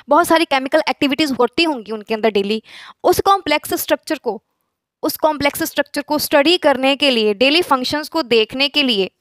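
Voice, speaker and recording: A woman's voice: high voice, a bit bright, clean tone, dry recording, studio quality. A woman teaching a biology lesson, asking herself rhetorical questions and answering them, mixing English phrases into her speech. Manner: repeats key words. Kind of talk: classroom lecture.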